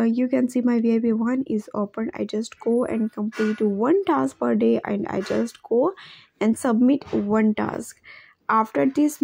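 A woman's voice: on the high side, vocal fry, mellow, no echo. A woman hosting a channel, walking viewers through a phone app step by step and addressing them as guys, with frequent um and uh fillers. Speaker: channel host. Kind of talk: screen-recorded app walkthrough.

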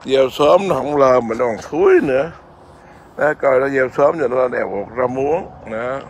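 A man's voice: medium pitch, a little hiss or hum. Chatty monk talking in his garden. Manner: chatty, keeps asking "see?". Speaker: Buddhist monk. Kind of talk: casual home vlog.

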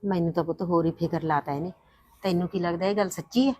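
A woman's voice: sits high, fast talker, sharp tone. An actress playing a middle-aged mother, anxious and pleading, defending her daughter in a family drama. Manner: pleading, calls her son "putt". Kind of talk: scripted family drama acting.

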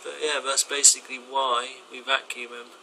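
A man gives an informal, off-the-cuff explanation in a sharp, very bright voice. His pitch sits at a middling height and stays quite monotone. It is a handheld home recording with a faint machine hum behind him. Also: normal speed, poor audio. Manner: informal, colloquial. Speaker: hobbyist demonstrating a homemade project. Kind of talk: casual handheld video explanation. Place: small domestic kitchen, indoors. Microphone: handheld phone or camera behind the lens.

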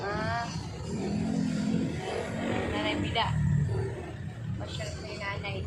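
A woman vlogger chatting casually and loudly, asking questions again and again. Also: mid-range voice, flat delivery, takes it slowly. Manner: loud, chatty, repeats questions. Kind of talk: casual family vlog chat. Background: loud background music.

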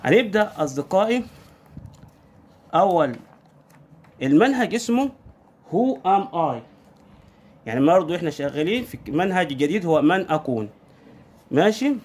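A man's voice: high voice, lively intonation, normal speed, long pauses, darkish tone, slightly rough. A man with an Egyptian Arabic accent tutoring his young daughter at home, patiently repeating words and prompting her with questions. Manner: patient drilling with constant call-and-response questions. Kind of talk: home English lesson for a young child.

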